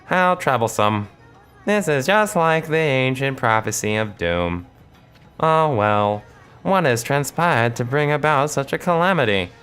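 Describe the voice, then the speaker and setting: A man voicing an ancient female wood sprite in a game story, using a high falsetto with a solemn manner. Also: expressive, unhurried, a bit bright, clear, resonant tone, faint music behind.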